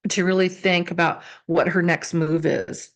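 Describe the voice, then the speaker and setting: A tarot card reader and psychic gives a casual, improvised reading, talking conversationally and repeating phrases for emphasis. Her lowish voice has little pitch movement and runs a little slow.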